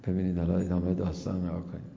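A man with a dark, gravelly voice preaches a storytelling sermon, dropping to a hush and rising again as he acts out the people in his tale. The lo-fi recording carries the long reverb of a big hall. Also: deep voice, monotone, a little hiss or hum. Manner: acts out quoted voices, swings between loud and hushed.

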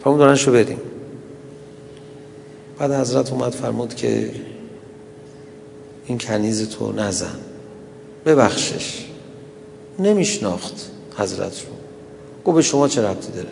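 A man's voice: medium pitch, lively intonation, creaky, long pauses, a little mellow, in a large hall, a little hiss or hum. A man preaching a sermon and retelling stories, tender at first and rising into mournful lament. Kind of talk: religious sermon with storytelling and lament.

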